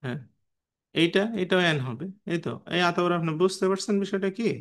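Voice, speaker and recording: A man's voice: high voice, brisk, fairly bright tone. A man teaching an online class, patiently explaining and quizzing students by name. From Bangladesh.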